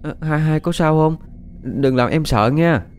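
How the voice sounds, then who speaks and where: A man puts on a timid little girl in a spoken ghost story, raising his voice high. She pleads anxiously. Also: a little slow, darkish tone, a little hiss or hum, close to an everyday voice. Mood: frightened. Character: timid little village girl, the younger sister.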